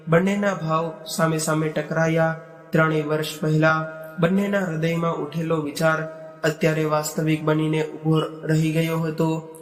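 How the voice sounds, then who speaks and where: A man narrating a moral story in a steady, unhurried way. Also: fairly high pitch. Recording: echoey, reverberant room with faint music. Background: faint background music.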